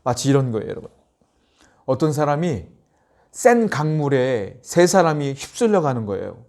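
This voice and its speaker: A middle-aged male pastor preaching a sermon, telling stories and acting out voices, swinging between loud cries and soft asides. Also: medium pitch, big pitch swings, moderate pace. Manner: storytelling preacher who acts out voices in dialogue.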